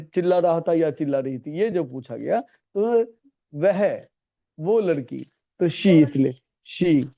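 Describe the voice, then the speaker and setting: Male classroom teacher, high voice, coaxing and repetitive, tinny lo-fi recording. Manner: coaxing, repetitive, calls students "beta". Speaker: English grammar teacher. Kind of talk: classroom lesson.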